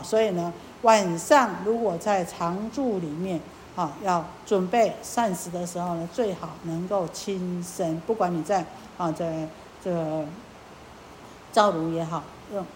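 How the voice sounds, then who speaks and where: A woman, a Buddhist nun, giving a lecture with many drawn-out fillers and rhetorical questions. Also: on the low side, a little mellow, slight background noise, rough recording. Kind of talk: Buddhist sermon.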